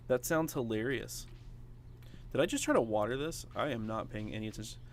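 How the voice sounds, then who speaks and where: A man's voice: medium pitch, big pitch swings, moderate pace, a little hiss or hum. A man streaming a farming game, chatting casually with viewers and using lots of fillers. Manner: chatty, talks to viewers while playing, many fillers. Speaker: gaming streamer. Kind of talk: casual let's play chat.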